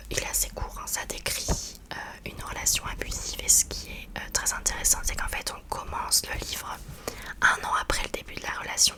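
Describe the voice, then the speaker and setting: A woman speaks in a soft, voiceless library whisper, chatting informally about books in ASMR style and hesitantly searching for words. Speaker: book review host. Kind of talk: whispered ASMR book chat.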